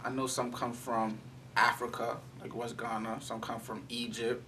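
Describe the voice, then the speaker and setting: Flat-voiced young man, distant and noisy. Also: medium pitch, normal speed. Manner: casual, rambling. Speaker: student. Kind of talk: interview answers.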